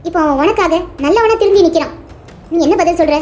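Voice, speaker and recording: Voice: extremely high pitch, fast talker, darkish tone, soft background music. A performer voicing a friend in a cartoon who lectures and presses for answers. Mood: lecturing. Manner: lecturing, insistent. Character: young friend Sakthi, preachy advice-giver. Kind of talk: cartoon voice acting.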